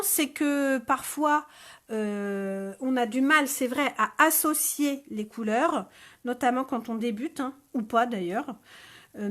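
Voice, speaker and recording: A woman hosting a scrapbooking live stream, chatting casually with viewers with many hesitations and fillers, speaking French. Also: a little high. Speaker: scrapbooking channel host. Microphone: phone.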